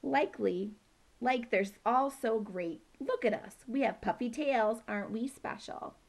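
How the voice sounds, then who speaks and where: A woman's voice: a little high, measured pace, creaky. Poo Poo, a woman voicing a ranting squirrel-hating dog. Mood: indignant. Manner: shouty, indignant rants. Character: excitable male dog obsessed with hating squirrels. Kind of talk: children's book read-aloud.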